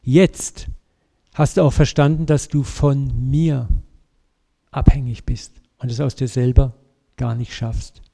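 A man preaching a sermon, telling a story with lively, vivid asides and speaking directly to his congregation. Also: medium pitch, slow pace, creaky.

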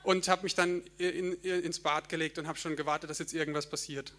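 A young man giving a personal testimony in church, an expressive storyteller who laughs at himself and breaks into bits of hymn singing. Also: on the high side, a little fast. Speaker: church speaker sharing a testimony.

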